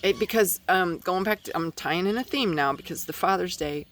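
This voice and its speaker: A man's voice: sits high, moderate pace, a bit bright, rough recording. A man hosting a podcast in a rambling opinion monologue, hesitant and blunt, recorded outdoors in the wind. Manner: hesitant, many fillers and restarts, blunt opinions. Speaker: podcast host.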